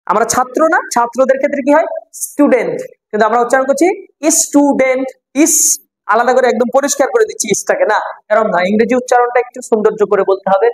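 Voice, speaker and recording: A woman's voice: fairly high pitch, low-quality recording. Patient woman spelling out English words. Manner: repeats and spells out letters slowly, mixing in English phrases. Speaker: English reading teacher. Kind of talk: explanatory online lesson.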